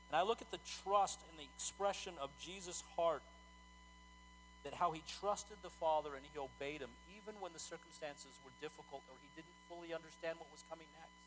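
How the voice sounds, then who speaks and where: A male pastor preaching a sermon in a conversational, animated way, often repeating words as he talks. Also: fairly high pitch, a little hiss or hum, poor audio.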